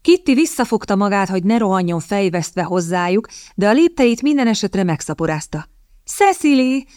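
A woman narrating a novel as an audiobook in a measured, even storytelling manner, recorded close on a studio mic. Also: medium pitch, dry recording.

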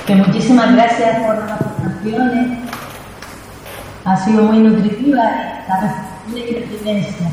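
A woman's voice: medium pitch, steady tone, moderate pace, dark tone. A woman moderating a public discussion in a thoughtful way, often ending phrases with a questioning tag. Her voice rings with a heavy cathedral-like echo in a large hall. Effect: heavy cathedral-like echo from the hall's speakers. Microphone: room microphone over loudspeakers. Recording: echoey hall from far off, faint noise.

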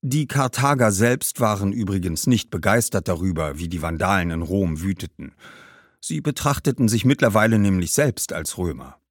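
A man narrating a history story for children in a lively, explanatory way. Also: fairly low pitch, no echo, studio quality.

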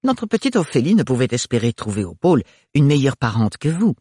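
A man putting on a jovial middle-aged gossip whose raised voice drips with honey. The tone moves in lively swings, husky and dry, in a storybook reading. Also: medium pitch, moderate pace, dry recording.

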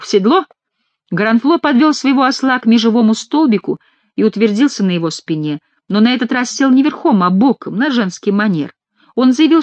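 A woman narrating an adventure audiobook, reading in a lively, expressive storytelling manner. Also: on the high side, no echo, dull audio. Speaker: audiobook reader.

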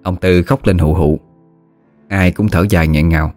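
Deep-voiced man telling a ghost story. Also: steady tone, normal speed, darkish tone, dry recording, soft background music. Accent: Southern Vietnamese.

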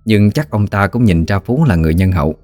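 Low-voiced Southern Vietnamese storyteller man. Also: a little fast, no echo, soft background music. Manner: steady, plain storytelling. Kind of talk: ghost story narration.

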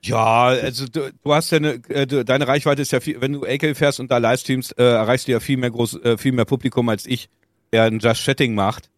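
A man co-hosting a podcast, chatting casually about streaming, speaking haltingly with many restarts. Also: mid-range voice, fairly even intonation, dry recording, studio quality. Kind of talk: casual chat.

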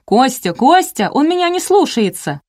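A woman voicing an excitable young woman who chatters fast in a ringing soprano. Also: mid-range voice, lightly acted. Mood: flustered. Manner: rapid chatter. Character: chattering young woman, excitable, fussing over her dog.

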